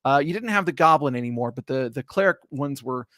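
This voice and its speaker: A man's voice: mid-range voice, animated, brisk, fairly bright tone, no room sound, studio quality. A man recapping his tabletop game session as game master, rambling and often correcting himself with lots of fillers. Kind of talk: casual campaign recap narration.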